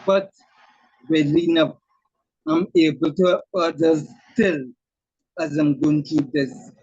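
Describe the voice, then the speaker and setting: A man's voice: on the high side, expressive, slow, a little mellow, breathy edge, no room sound. A man with a voice that shakes from a throat tremor, earnestly telling his personal story as a guest over a video call. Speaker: author guest. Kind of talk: personal testimony in an interview. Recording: muffled lo-fi call audio.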